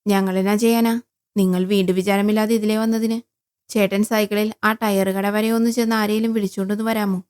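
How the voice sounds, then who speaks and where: A woman's voice: medium pitch, little pitch movement, brisk, darkish tone, clear, resonant tone, close to an everyday voice. A woman voicing a mocking man in his forties on a bicycle, sly and needling in tone.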